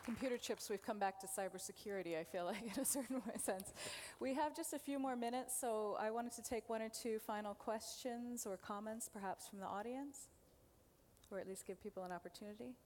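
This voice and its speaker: A woman moderating a conference panel, brisk and friendly as she invites questions. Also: a little high, a little mellow, a little hiss or hum.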